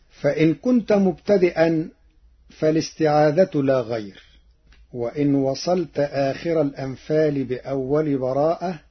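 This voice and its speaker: A man teaching Quran recitation variants in a measured, methodical way, chanting short examples between his explanations. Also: fairly high pitch, breathy edge, highs cut off.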